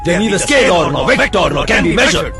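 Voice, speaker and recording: An actor playing a cold, threatening villain who lectures about emotions. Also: male voice, sits high, very animated, vocal fry, music in the background, heavily acted. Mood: menacing. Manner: slow, threatening, mixes English.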